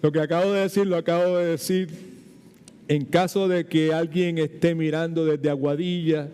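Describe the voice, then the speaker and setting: An older man preaches in Puerto Rican Spanish, sliding into tangents and stray English phrases as he teaches. His voice sits fairly high yet sounds warm and mellow. A long church-hall reverb trails after every phrase. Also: fairly even intonation, normal speed, clear, resonant tone. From Puerto Rico. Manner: chatty, digressive, mixes English words into Spanish. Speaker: pastor teaching a Bible study. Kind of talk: informal sermon teaching.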